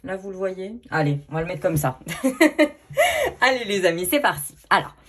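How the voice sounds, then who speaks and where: A woman's voice: medium pitch, big pitch swings, moderate pace, slight background noise. A woman giving a chatty tarot card reading, with frequent fillers and self-corrections. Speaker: tarot reader. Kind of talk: casual card-reading video.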